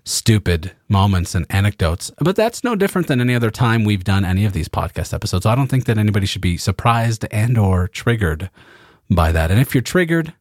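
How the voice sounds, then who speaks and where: A man co-hosting a casual podcast, with a fairly low voice recorded dry and close. He rambles and jokes, swearing freely as he goes. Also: animated, fairly quick, dry recording. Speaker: podcast co-host. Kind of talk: casual chat.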